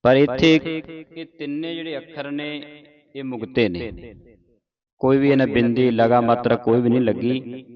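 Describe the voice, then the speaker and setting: A man's voice: medium pitch, fairly even intonation. A man teaching the careful pronunciation of scripture to a class, drawing out each syllable and chanting the verses before correcting them. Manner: drawn-out, syllable-by-syllable recitation with corrections. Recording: dull lo-fi audio with a crowd behind. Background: congregation or students present.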